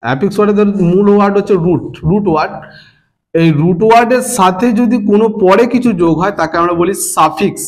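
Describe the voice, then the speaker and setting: High-voiced Bengali man teaching English. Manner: patient, repeats and spells words letter by letter; stretches long words out slowly, syllable by syllable. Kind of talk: explaining grammar lesson.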